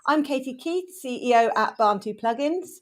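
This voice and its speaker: A woman co-hosting a podcast interview, opening in a measured, scripted way. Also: high-pitched, animated. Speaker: co-host.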